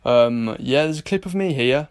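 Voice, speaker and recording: A British man chats straight to his viewers in a relaxed vlog, mid-pitched and ordinary in tone. He is blunt and jokey, swearing freely as he gives fitness tips. Much of it is recorded indoors at a gym. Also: moderate pace, clear, resonant tone. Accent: British English. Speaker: vlogger and personal trainer. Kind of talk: casual vlog chat.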